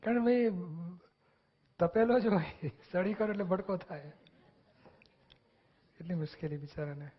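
A man talks through spiritual teachings in an earnest, explanatory way, now and then acting out short bits of dialogue. His voice sits a little high for a man. The recording is dull and lo-fi. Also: expressive, a little slow, pauses often, husky. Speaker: spiritual discussion speaker. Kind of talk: religious discourse explanation.

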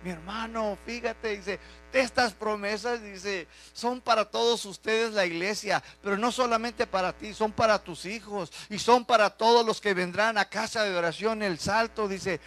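High-voiced pastor preaching fervently. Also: male voice. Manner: fervent, swings from loud exhortation to low confiding asides. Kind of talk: sermon. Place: church.

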